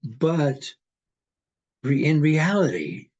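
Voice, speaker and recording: A man in his eighties from Hungary, talking in a slow, rambling, philosophical way in casual conversation. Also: fairly high pitch, sing-song, darkish tone, highs cut off. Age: 80s.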